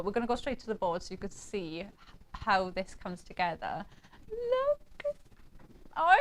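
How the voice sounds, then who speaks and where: A woman's voice: medium pitch, fairly bright tone. A woman presenting craft products live on a shopping channel, chatty and cooing over how cute the designs are.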